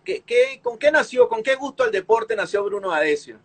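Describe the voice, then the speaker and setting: A man's voice: very high-pitched, huge pitch swings, moderate pace, vocal fry, slight background noise. A man hosting an interview in a jovial, chatty, teasing way. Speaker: interview host. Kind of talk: casual interview.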